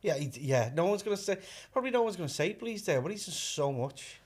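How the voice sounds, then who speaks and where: Husky Scouse man chatting casually. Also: high-pitched, expressive, fast, a little mellow. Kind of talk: casual chat.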